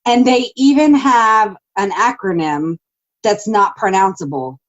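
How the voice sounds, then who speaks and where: A woman's voice: medium pitch, a little slow. A woman from Texas co-hosting a casual podcast chat, teasing and dry, laughing along. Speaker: podcast co-host. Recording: dull lo-fi sound.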